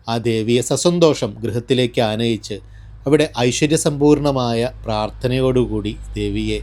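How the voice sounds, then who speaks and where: A man from Kerala with a Kerala accent narrates a descriptive vlog in a reflective, measured way, phrase by phrase. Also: medium pitch, darkish tone. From Palakkad district, Kerala, India. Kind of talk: descriptive vlog narration of local temple customs. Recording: voice-over with music behind. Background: music.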